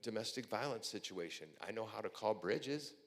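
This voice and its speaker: A man's voice: lowish voice, expressive, moderate pace. A man who is a pastor, telling earnest, emotional stories to a room at a breakfast event. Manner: earnest storyteller, quiet and emotional at times. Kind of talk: heartfelt speech at a breakfast event. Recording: long hall reverb.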